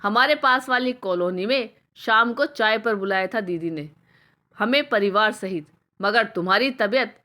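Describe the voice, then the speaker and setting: A calm, caring middle-aged husband, read by a woman. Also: mid-range voice, unhurried. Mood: gentle.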